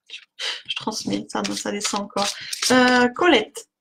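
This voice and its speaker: A woman's voice: mid-range voice, steady tone, measured pace, creaky, a bit bright, slight background noise. A woman giving an oracle card reading on a live stream, chatting with viewers by name, with lots of fillers and little laughs.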